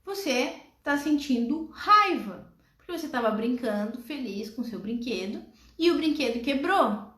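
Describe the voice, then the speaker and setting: A woman voicing a gentle, patient mother. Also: high-pitched, animated. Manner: gentle, slow, naming feelings. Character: calm patient mother comforting her child. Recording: roomy echo.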